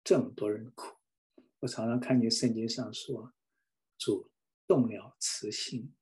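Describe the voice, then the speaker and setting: A man's voice: lowish voice, steady tone, measured pace, darkish tone. Fervent man preaching a sermon. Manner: fervent, repeats phrases for emphasis.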